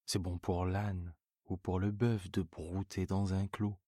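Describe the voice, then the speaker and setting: A man voicing a stubborn young female goat who longs for freedom and answers quietly and politely, in a bedtime story reading. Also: low voice, little pitch movement, slow pace, no room sound, studio quality. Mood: stubborn, yearning.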